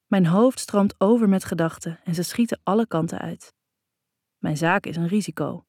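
A woman's voice: lowish voice, normal speed, a little mellow, slightly rough, dry recording, studio quality. A woman narrating a first-person novel in an intimate, reflective way. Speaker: audiobook narrator.

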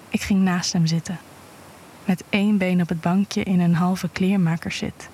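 Hushed, breathy woman narrating an intimate story. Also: medium pitch. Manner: hushed, often whispered delivery.

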